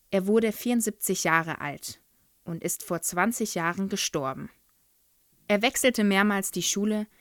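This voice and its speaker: A woman's voice: lowish voice, dry recording. Dry close female book presenter. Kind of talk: book presentation with read-aloud excerpt.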